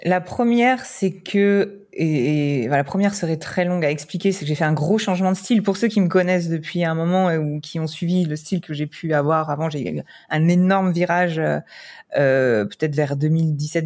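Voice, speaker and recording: A woman's voice: low voice, fairly quick, a little mellow. A woman from France, a wedding photographer, chatting casually in a podcast interview with lots of fillers and laughter.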